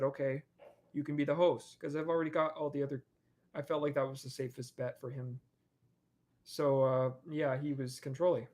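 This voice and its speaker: A young man answering viewer questions on a live stream in a rambling, casual way, full of fillers and restarts. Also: a little high. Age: young adult. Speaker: animator and streamer.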